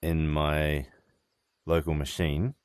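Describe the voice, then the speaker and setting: A man's voice: rumbling low, flat delivery, slow, clean tone, no echo. A man in a casual technical chat on a work call, with dry, teasing humour. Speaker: software developer on a work call.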